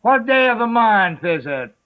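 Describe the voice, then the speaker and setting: A man's voice: high voice, very animated, a little slow, clear, resonant tone, pitched above the performer's own voice. A man voicing the Hatter, an eccentric, rude, riddling man, with an abrupt, theatrical delivery. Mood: excitable. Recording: narrow phone-like sound.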